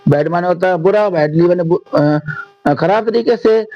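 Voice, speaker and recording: A man from India with a Hindi accent, teaching an English lesson in Hindi and reading the English lines out slowly. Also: sits high, highs cut off, soft background music. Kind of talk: classroom lesson explanation.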